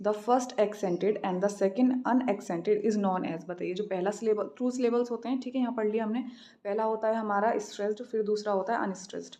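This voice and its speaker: An Indian woman teaching English literature in an exam practice lesson, reading each question slowly and then explaining quickly in a mix of Hindi and English. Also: mid-range voice, dark tone. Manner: repeats "theek hai" after each answer.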